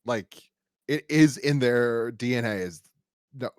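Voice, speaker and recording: In a clean, echo-free studio recording, a man with a smooth mid-range voice co-hosts a podcast. He talks loosely about an audio drama, stumbling through false starts and repeated words as he rambles.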